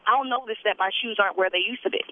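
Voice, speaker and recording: A woman's voice: mid-range voice, very fast. A woman calling in to a radio show over the phone, talking casually and plainly as she vents. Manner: casual, plain-spoken, frustrated venting. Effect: heard over the phone. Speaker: caller. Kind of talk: call-in radio conversation. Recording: narrow tinny phone line.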